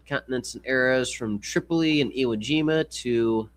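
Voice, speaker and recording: A man's voice: mid-range voice, moderate pace. A man hosting a casual stream, reading an article aloud, jokey and rambling, laughing often. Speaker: stream host.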